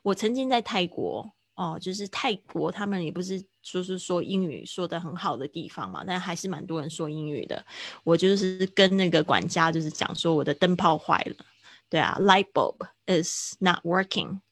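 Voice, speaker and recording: Teacher: woman, low gravelly voice, dry close sound, slow drilling of vocabulary on a livestream lesson. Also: no echo. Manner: explains slowly, repeats words for drill. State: hiccuping. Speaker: English teacher.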